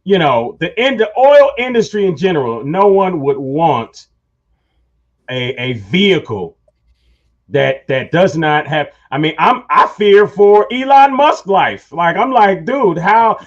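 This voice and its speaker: A talk show host with a high, sing-song voice talks at a measured pace. His casual chat is full of rambling stories, and he calls his listeners y'all, all captured on a dull lo-fi recording.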